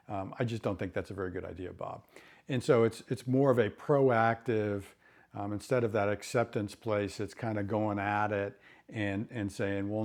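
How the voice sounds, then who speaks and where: A man's voice: fairly low pitch, darkish tone. A middle-aged man, a therapist, explaining recovery ideas in an earnest way and often repeating words as he starts a thought. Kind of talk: educational talk to camera.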